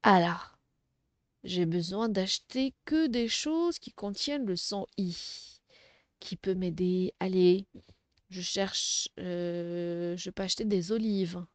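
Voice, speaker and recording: A woman teaching a first-grade phonics lesson, speaking slowly and articulating syllables clearly, encouraging young pupils. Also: on the low side, no room sound. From Arabic-speaking background.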